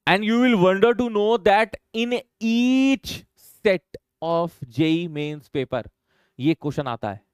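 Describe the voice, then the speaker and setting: एक पुरुष शिक्षक कक्षा में रसायन पढ़ाते हुए, हिंदी और अंग्रेज़ी मिलाकर फुर्ती से और छात्रों को छेड़ते हुए बोलता है।. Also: male voice, a little high, darkish tone, clean tone, no echo, clean studio sound. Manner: brisk, teasing, mixes Hindi and English. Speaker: chemistry teacher. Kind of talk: classroom lecture. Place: classroom.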